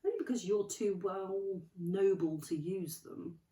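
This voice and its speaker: A woman voicing a stern, anxious older female witch professor who speaks in a brisk, clipped, impatient way. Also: mid-range voice, mellow, lightly acted. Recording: echoey room, distant mic.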